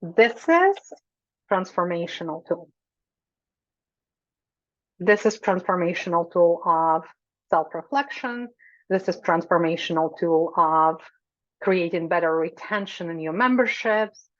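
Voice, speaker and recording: Earnest woman host, slightly low voice, dull sound. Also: unhurried, pauses often. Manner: earnest and effusive, repeats phrases, digresses. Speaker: membership host and coach. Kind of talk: heartfelt direct-to-camera talk.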